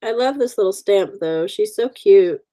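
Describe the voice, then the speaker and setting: Coloring stamped cards on her livestream, this Oklahoma-accented woman, a bit sniffly, greets viewers by name and chats casually. She sounds animated and mellow, with a medium pitch and moderate pace.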